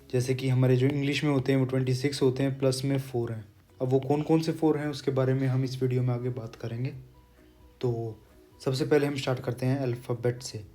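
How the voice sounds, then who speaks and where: A man gives a casual beginner language lesson, explaining patiently and repeating each sound slowly. His tone is mellow and relaxed, with a medium pitch. Faint music plays behind him. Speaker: German language teacher.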